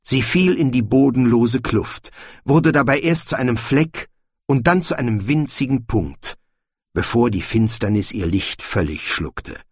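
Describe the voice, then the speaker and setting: A man narrating an audiobook in scripted storybook style, with expressive, shifting intonation. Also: medium pitch, measured pace, slightly rough, no room sound. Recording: dry, close audiobook recording.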